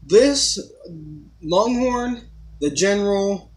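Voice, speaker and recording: A young man co-hosting a casual amateur review, talking in a halting, rambling way full of filler words. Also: high voice, lively intonation, rough recording. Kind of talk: casual chat review to camera.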